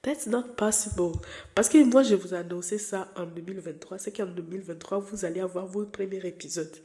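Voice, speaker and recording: A woman's voice, on the low side with a dark tone, moves a little fast. She's a podcast host in her twenties for whom French is not a first language, and her casual, personal chat is candid, playful and full of fillers and restarts.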